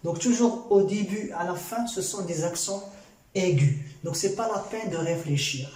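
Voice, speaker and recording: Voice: medium pitch, moderate pace, warm tone. A teacher with a Moroccan accent, patiently explaining a grammar lesson and answering their own questions. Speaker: French teacher. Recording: very echoey room, distant mic, faint music.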